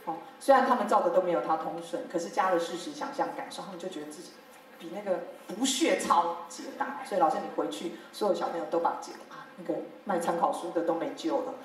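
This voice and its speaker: A woman's voice: fairly low pitch, fast talker. A woman teacher with a Taiwanese Mandarin accent tells classroom stories to other teachers in a workshop talk, playing out her pupils' lines and laughing along. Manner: lively storytelling, acting out pupils' lines with laughter. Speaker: teacher sharing classroom methods. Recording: very echoey hall from far off.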